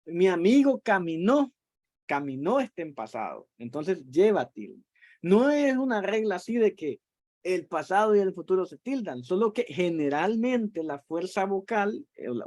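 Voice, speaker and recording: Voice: mid-range voice, darkish tone, no echo, studio quality. Patient teacher explaining with many fillers. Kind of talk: online class explanation. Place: at home.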